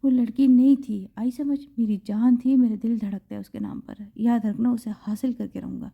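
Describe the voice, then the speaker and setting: A woman reading out a volatile young gang boss in an audio novel, possessive and quick to snap into harsh threats. The voice sits fairly high and comes through a muffled, lo-fi recording. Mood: furious. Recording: slightly dull lo-fi recording.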